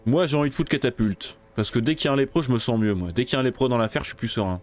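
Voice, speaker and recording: A mid-range male voice rattles along very fast over faint background music. He's a gaming video creator giving casual let's-play commentary on his own run, swearing loudly when things fall apart and muttering while he figures out his plan.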